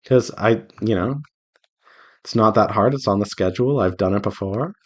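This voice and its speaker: This man's voice sits on the low side and moves at a normal speed. He's a visual novel developer doing a draw-along devlog, rambling casually to his viewers as he works and reassuring himself while he thinks out loud.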